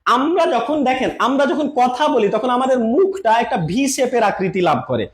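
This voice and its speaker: High-voiced man teaching in an echoey room. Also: very animated. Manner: repeats sounds slowly and asks the viewer questions. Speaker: grammar teacher. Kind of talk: online lesson.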